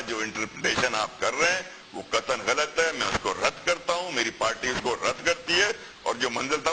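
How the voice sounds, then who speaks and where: A man's voice: mid-range voice, bright, forceful tone. Man, party spokesman, heated talk show argument, insistent, noisy line. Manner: insistent, defensive, repeats himself.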